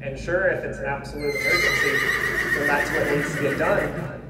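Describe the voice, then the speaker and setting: A distant, echoey recording with plenty of noise carries an American man's voice, pitched a little high. He is plain-spoken and folksy. He explains things casually as a horse trainer demonstrating his work. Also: fairly even intonation, moderate pace. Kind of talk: casual spoken instruction while working. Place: live horse-trailer loading demonstration. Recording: distant, echoey, noisy live demo audio.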